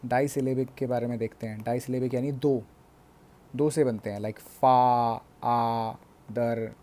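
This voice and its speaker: A man with an Indian English accent teaching a bilingual grammar lesson, explaining slowly and checking in with his class again and again. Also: mid-range voice, fairly even intonation, mellow.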